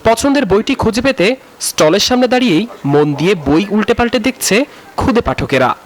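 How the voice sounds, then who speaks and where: A man's voice: high-pitched, expressive, fairly quick. A Bangladeshi man narrating a scripted television news report as the reporter. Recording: crowd chatter behind narration.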